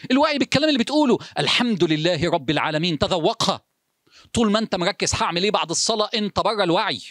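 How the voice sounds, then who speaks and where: A religious speaker with an Egyptian Arabic accent delivers a motivational sermon in a very high voice, firing off rhetorical questions in quick succession. He swings between urgent speech and hushed, slowed phrases for emphasis. The recording is clean studio sound with no room sound.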